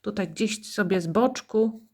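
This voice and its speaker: A woman's voice: medium pitch, a little slow. A woman teaching English to young children in a recorded lesson. She explains patiently, tells playful little stories and has the class repeat after her.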